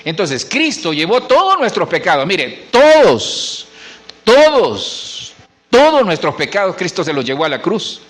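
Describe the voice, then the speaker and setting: A man's voice: high voice, fairly bright tone. A middle-aged man, a pastor preaching a sermon in church and asking the congregation questions. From Honduras.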